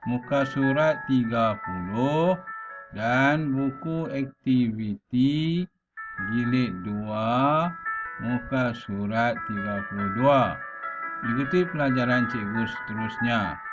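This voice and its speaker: Malaysian male schoolteacher, unhurried, stretches each verse line, dull recording with faint background music. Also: mid-range voice. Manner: slow, drawn-out recitation of verses; repeats "ha" as a filler. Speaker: primary school teacher. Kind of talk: classroom lesson recording.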